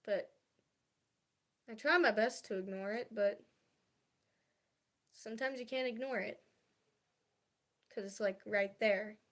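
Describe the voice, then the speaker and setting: A young woman chats on her livestream in a slow, slightly high voice. She talks hesitantly, full of fillers and restarts, confiding softly about how she feels. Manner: confiding and soft-spoken about feelings. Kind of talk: casual livestream chat.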